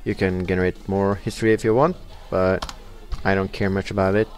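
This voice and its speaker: A young Norwegian man hosts a let's play, casually commenting on a computer game in a low, flat, fairly quick voice that is a little mellow and clean in tone. He sounds hesitant, filling pauses with plenty of "uh" as he reads the in-game text aloud.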